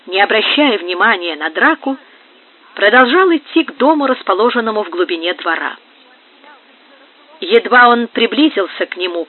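Audiobook reader, even storytelling voice, tinny phone-ish sound. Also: medium pitch. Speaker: audiobook narrator. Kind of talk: scripted narration.

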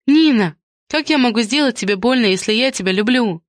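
A woman's voice: medium pitch, normal speed, no echo, studio quality, lightly acted. A woman reading an audiobook voices a desperate, lovesick woman who pleads in a raised voice. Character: desperate lovesick woman, Alina, later coldly scheming.

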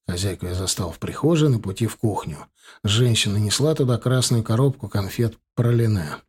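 A man reading a first-person audiobook story in a cool, measured voice. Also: lowish voice, a little mellow, husky. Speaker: audiobook narrator.

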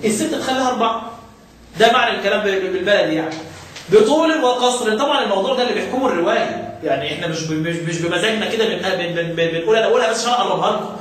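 Egyptian man, high-pitched, teaching, quizzing students, echoey hall, distant mic. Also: fairly bright tone. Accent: Egyptian Arabic. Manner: asks students questions and repeats key terms slowly. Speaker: Quran recitation teacher. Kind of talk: explanatory lesson to students. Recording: echoey room, distant mic, faint noise.

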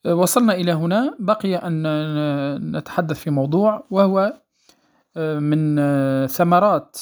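Measured man teaching recitation rules. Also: on the high side, darkish tone. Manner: measured and deliberate, with pauses and "uh" fillers; checks understanding with the listener, drawing out sounds to demonstrate. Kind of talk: spoken lesson on recitation rules.

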